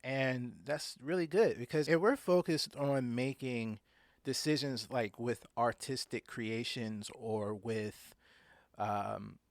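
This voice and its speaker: A man hosts an informal solo podcast in a mid-pitched voice with very little room sound. His underbite makes his speech slightly slurred, with soft-edged T's and pronounced S's. He explains himself hesitantly, often rephrasing as he goes. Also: slow pace, no echo. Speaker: podcast host and writer.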